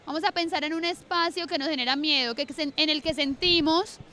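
High, bright-voiced woman leading a workshop. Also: fairly quick. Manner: chatty, repeats instructions, laughs at herself. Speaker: workshop facilitator. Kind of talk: guiding a group writing exercise. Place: outdoor park. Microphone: handheld mic, often held away.

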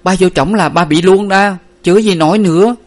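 A man's voice: sits high, fairly quick, voice pushed up. A man voicing a tearful young daughter. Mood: urgent pleading. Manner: pleading, tearful, urgent. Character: distraught young woman, frightened grieving daughter.

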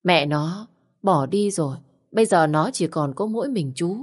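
A woman's voice: lowish voice, lively intonation, normal speed, husky. A woman voicing a stern, bossy but caring older relative who scolds and insists. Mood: persuading.

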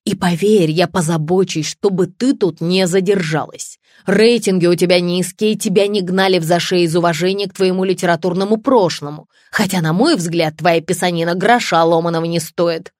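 A woman's voice: on the low side, expressive, normal speed, dry recording, clean studio sound. A woman reading an audiobook, voicing an older male chief editor who speaks with cold, stern command. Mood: cold fury. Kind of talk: audiobook character voice.

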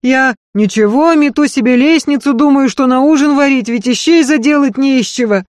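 A woman's voice: sits high, moderate pace, dry recording, studio quality, voice pushed up, natural voice. Woman doing a blunt old-fashioned maid. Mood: excited. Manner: earthy folksy speech, emphatic.

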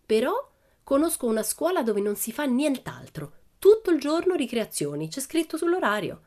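A woman reading aloud who voices a cheeky, boastful little girl spinning tall tales in a playful, bright way. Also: high-pitched, big pitch swings, normal speed, pitched above the performer's own voice. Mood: playful boasting.

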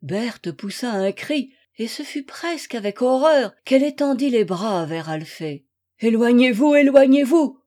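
A woman reads literary narration aloud in a measured, expressive way. Her voice is fairly high and her pace very slow. The tone is mellow and dark rather than bright. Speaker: audiobook reader.

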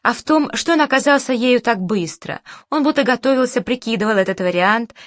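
A woman narrating an audiobook in a measured, even reading voice. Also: on the high side, no echo, clean studio sound. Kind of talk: scripted narration.

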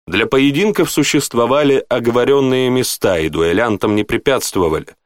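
Lively low-voiced male audiobook narrator. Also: no room sound, clean studio sound. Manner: shifts pitch up for dialogue characters.

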